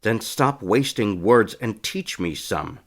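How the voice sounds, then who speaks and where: A man's voice: sits low, lively intonation, normal speed, fairly bright tone. A man reading an audiobook as a defiant, angry young male fighter with clipped lines.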